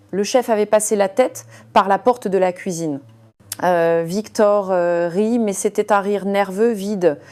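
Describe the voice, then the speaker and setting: A woman's voice: mid-range voice, a little mellow. A woman narrating a dramatic story, hesitating often with fillers between phrases.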